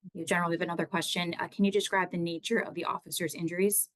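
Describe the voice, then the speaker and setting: A woman with a fairly low voice moderates a press briefing. She reads out questions in a polite, businesslike manner. The sound is very dry, with almost no room around her. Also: flat delivery, very fast, dry recording. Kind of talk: reading out reporters' questions.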